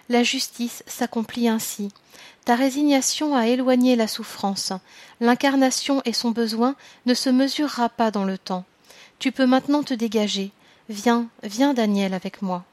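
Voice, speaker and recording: A woman voicing a calm male spirit guide who comes to lead a soul away, speaking with gentle, fatherly solemnity. The delivery is slow and measured, in a storybook reading. The sound is dry and close. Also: a little high, no echo, close to an everyday voice.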